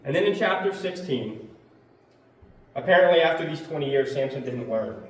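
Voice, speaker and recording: A man casually leads a Bible study, retelling the story in a conversational, emphatic way full of fillers. His voice is a little high with lively intonation at a normal speed, recorded from far off in an echoey room with faint noise.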